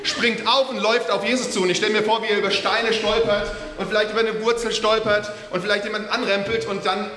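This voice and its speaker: A man preaching a sermon, telling the story in a lively, casual way and talking directly to his listeners. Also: high-pitched, fast talker, hardly any pauses, crowd noise. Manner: lively storytelling, addresses the audience, casual slang. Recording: echoey hall with faint hiss.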